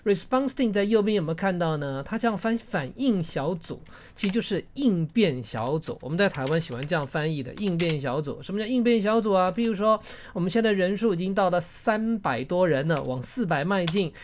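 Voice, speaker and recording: A woman's voice: lowish voice, lively intonation, brisk, hardly any pauses, darkish tone, a little hiss or hum. A woman with a Taiwanese Mandarin accent teaching English in a live online class, coaxing students along and prompting them word by word. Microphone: video call.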